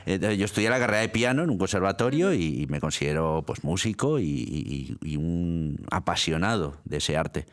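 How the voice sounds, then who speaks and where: A man with a very deep voice, from Italy, answers interview questions in relaxed conversation. He often restarts and repeats words, laughing now and then between thoughts. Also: normal speed, few pauses. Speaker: guest. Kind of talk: casual interview talk.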